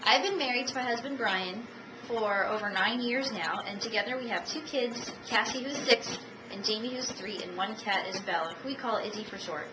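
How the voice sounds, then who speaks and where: A woman in her thirties from the United States giving a self-introduction speech for a class, measured and dotted with ums and uhs, recorded on a camcorder. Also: mid-range voice. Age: 30s. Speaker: student. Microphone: camcorder at a distance. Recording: echoey room, distant camcorder, audible noise.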